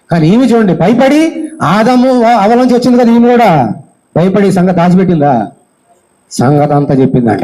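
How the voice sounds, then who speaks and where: Dark-voiced male pastor preaching. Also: sits high, poor audio. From India. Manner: questions the congregation and acts out Bible voices. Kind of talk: sermon.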